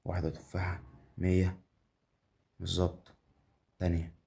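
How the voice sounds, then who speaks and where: A man with an Egyptian accent runs live gameplay commentary in a low, dark voice. He is chatty, counts his winnings out loud and keeps talking straight to the viewer. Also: completely flat delivery, normal speed, creaky. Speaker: gambling game streamer.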